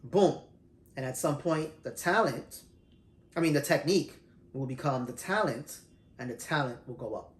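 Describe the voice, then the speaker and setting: A middle-aged man telling his singing story in a loose, animated, conversational way, teaching as he goes. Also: medium pitch, moderate pace. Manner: animated, self-described shy introvert, loose and conversational. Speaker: vlogger sharing singing tips. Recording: roomy echo.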